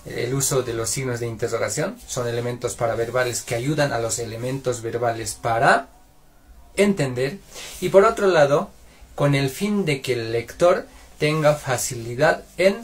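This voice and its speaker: Gravelly-voiced man teaching a lesson. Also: mid-range voice. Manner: explanatory, often asks "¿no es cierto?". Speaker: Aymara language teacher. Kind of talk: explanatory lesson.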